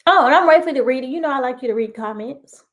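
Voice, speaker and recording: A woman with a high voice co-hosts a relaxed chat, animated and teasing. She turns to the viewers often and keeps the talk loose and playful. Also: very fast, muffled recording. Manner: animated, teasing, talks to the audience. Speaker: co-host. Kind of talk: casual chat.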